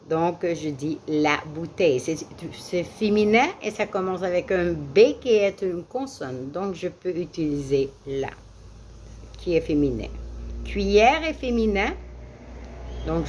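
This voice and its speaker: A woman teaching French vocabulary as a lesson, repeating each word deliberately and giving English glosses. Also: lowish voice, a little mellow, slight background noise. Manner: slow, deliberate repetition of words for learners. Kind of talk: classroom lesson.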